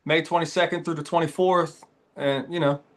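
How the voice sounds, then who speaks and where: Relaxed man hosting a casual chat. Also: fairly high pitch, normal speed. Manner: relaxed, says "man" and "dude". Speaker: podcast host. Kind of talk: casual conversation.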